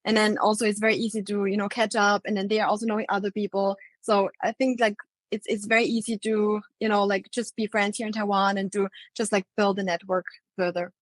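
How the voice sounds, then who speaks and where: A woman's voice: medium pitch, brisk, dry recording, rough recording. A young woman from Austria, a marketing agency founder, speaking English as a guest in a casual interview, with plenty of ums and likes. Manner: relaxed, many fillers like um and like.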